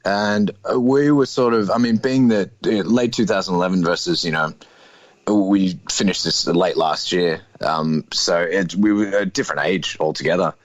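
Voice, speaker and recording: An Australian guest musician in his thirties talks casually in an interview, laid-back and hedging with plenty of fillers. He has a deep voice and speaks at a moderate pace. The recording is dry and muffled.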